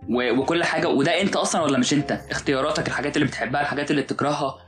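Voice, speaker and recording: Young man, Egyptian Arabic accent, rapid, musing, halting, music behind. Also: on the high side, low-quality recording. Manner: musing, hesitant, thinking aloud. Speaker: podcast co-host. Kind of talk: casual philosophical chat.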